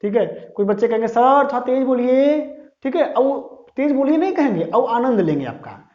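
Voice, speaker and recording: A man's voice: extremely high pitch, big pitch swings, fairly quick, dark tone. A man teaching a class-style lecture, asking questions and answering them himself, often checking in with "okay". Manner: asks and answers his own questions; says "thik hai" often. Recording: dull lo-fi sound.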